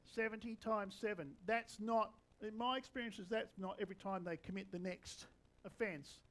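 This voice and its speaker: A preacher in his sixties with a notably high voice delivers his sermon. He talks to the congregation in a relaxed, conversational way, slipping in dry bits of humour. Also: moderate pace, rough recording. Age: 60s.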